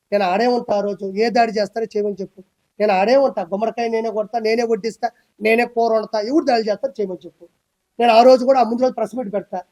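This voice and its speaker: A man, ranting loudly and emphatically as a guest in a heated political interview. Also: high-pitched. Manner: loud, emphatic, repetitive ranting.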